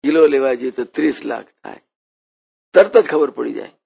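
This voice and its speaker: A man giving a devotional sermon, telling stories with quoted voices and reciting verses, his loudness swinging widely. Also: mid-range voice, animated, normal speed. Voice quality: gravelly, husky voice. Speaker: preacher.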